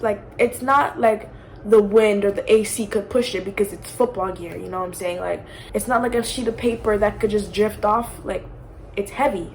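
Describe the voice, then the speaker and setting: A woman's voice: on the high side, slight background noise, poor audio. A young woman casually telling a personal ghost story, rambling with lots of fillers and asides.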